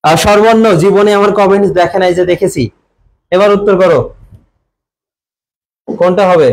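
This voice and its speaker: A man's voice: sits high, fairly even intonation, moderate pace, darkish tone. A young man with a Bangladeshi Bengali accent teaching a live online exam-prep class. He quizzes students with repeated questions, answers them himself and reads out commenters' names. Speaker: admission coaching teacher.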